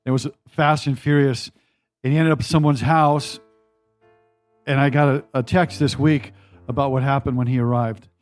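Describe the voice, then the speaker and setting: A man's voice: medium pitch, steady tone, normal speed, faint music behind. A male pastor hosting a church service, casually introducing the next speaker.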